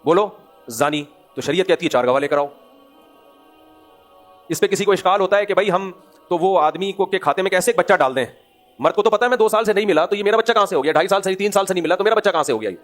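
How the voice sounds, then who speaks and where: Man, Pakistani Urdu accent, religious lecture, animated preaching, somewhat high voice, faint music underneath. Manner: animated preaching, swings between loud emphatic rhetorical questions and low asides. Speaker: Islamic scholar giving a lecture. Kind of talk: religious lecture to a live audience.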